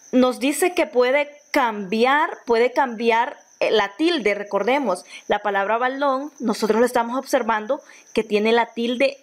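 A Honduran woman teacher giving a recorded grammar lesson, patient, often repeating and restarting phrases as she explains. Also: on the high side. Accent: Honduran Spanish.

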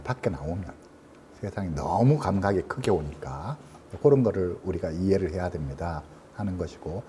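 A man in his sixties lectures as a psychologist, his husky voice mellow and dark. His pitch swings widely as he stresses points, rising sharply and then dropping low as he explains things patiently. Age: 60s. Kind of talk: educational lecture.

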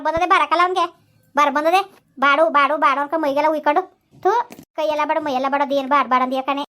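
A woman's voice: high-pitched, fairly even intonation, fast, pushed and bright. A woman voicing an elderly village aunt who scolds and lectures sharply in a comedy skit. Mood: scolding.

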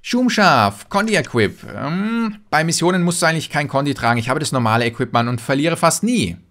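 A man's voice: expressive, brisk, fairly bright tone. A man doing casual gaming commentary, chatting and answering viewer messages as a let's player. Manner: chatty, jumps in pitch when reading names.

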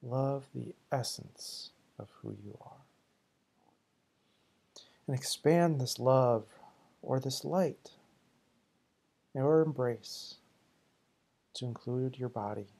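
A man with a husky, gravelly voice of medium pitch and dark tone leads a guided meditation. He speaks in short, soothing phrases at a slow, deliberate pace.

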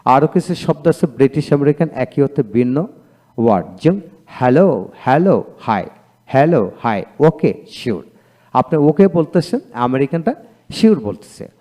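Male teacher, warm and lively in pitch, lecture delivery with fillers. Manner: reads word pairs aloud, drawn-out and repetitive. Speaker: English teacher. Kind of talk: video lecture on pronunciation.

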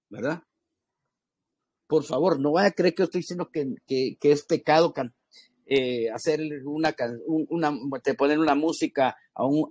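A man teaching a church ministry class in a loose, chatty way, often restarting his sentences. His voice sits a little high and sounds husky. The recording is close and dry, with no room echo. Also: darkish tone. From Guatemala. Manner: conversational, addresses listeners as brothers, many restarts and asides. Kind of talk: informal Bible class lecture.

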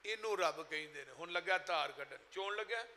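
A man's voice: fairly high pitch, fairly quick, pushed and bright. A man preaching with a Punjabi accent, chanting verses and telling stories with fervor. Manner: alternates chanted poetry and fervent storytelling. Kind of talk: Punjabi sermon with sung verses.

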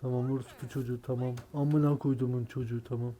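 A young man commentating his gameplay, sick with a worn voice, swearing in frustration and bursting into shouts. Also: medium pitch, little pitch movement, fast talker. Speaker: gaming YouTuber.

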